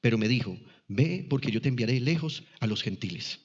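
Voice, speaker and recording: A man's voice: mid-range voice, animated, fairly quick, big-room sound, dull audio. A man teaching a sermon, reading scripture passages aloud and explaining them with pointed questions. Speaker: preacher.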